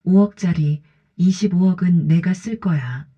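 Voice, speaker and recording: A woman's voice: fairly low pitch, unhurried, warm tone, slightly rough. A woman voicing a stern, defiant 68-year-old mother in an audiobook drama, speaking curtly and coldly. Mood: firm. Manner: curt, cold and firm. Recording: slightly dull lo-fi audio.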